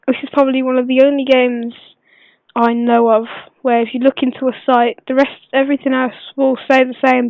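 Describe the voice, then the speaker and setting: A woman who is unwell gives a casual gameplay tutorial voice-over, speaking quietly but clearly in a hesitant, rambling way. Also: sits high, dry recording. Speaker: gaming video maker. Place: voice-over recorded at a computer. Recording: dull lo-fi computer recording, dry.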